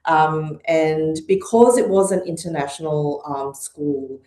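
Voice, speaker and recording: In an echoey room, a middle-aged woman from Malaysia and Hong Kong is interviewed conversationally on a podcast. She speaks slowly and thoughtfully in a deep, mellow voice, often saying um and uh.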